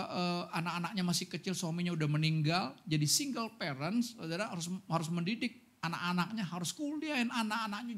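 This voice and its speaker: During his Sunday sermon, a high-pitched male pastor tells stories with lively energy. He frequently turns to speak directly to the congregation.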